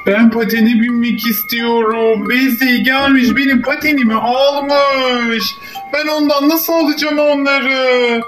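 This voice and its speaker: A man's voice: extremely high pitch, fairly even intonation, unhurried. A man voicing a whiny toy neighbor man who complains in a plaintive, childlike way about losing his skates. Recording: echoey room, voice from far off. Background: music.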